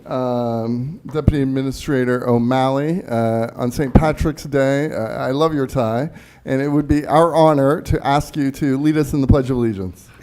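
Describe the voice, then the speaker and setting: A man's voice: mid-range voice, steady tone, moderate pace, darkish tone, a little hiss or hum. A man speaking formally as a mayor, addressing a council meeting and reading out official text.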